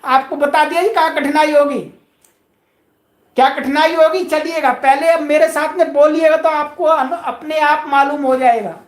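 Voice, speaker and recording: A woman's voice: sits high, steady tone, a little slow. A woman teaching a lesson with call-and-repeat drills, playful and coaxing, drawing out the syllables she drills. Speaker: Sanskrit teacher. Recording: roomy echoey sound.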